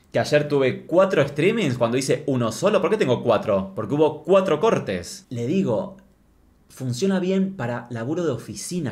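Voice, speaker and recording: A man with an Argentine accent rattling off a comic storytime rant at high speed. His voice sits at a middling pitch, and his delivery is crude and sarcastic. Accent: Argentine Spanish. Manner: animated, crude, sarcastic ranting. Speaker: streamer telling a story.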